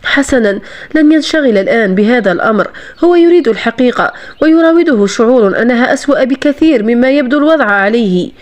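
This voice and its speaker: A woman narrating a romance novel aloud in a steady storytelling manner. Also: on the high side, fast talker. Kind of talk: audiobook novel reading.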